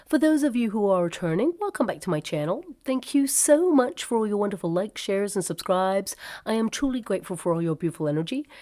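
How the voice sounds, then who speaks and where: A woman with a mid-range voice gives a gentle tarot reading to the camera. A cold has made her a little croaky, and she speaks soothingly, with some ums and uhs.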